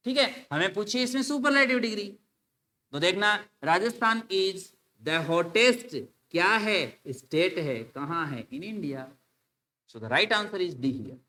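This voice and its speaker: A male teacher giving an exam-prep grammar lecture, animated and mixing with English while acting out his students' questions. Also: sits high, slow.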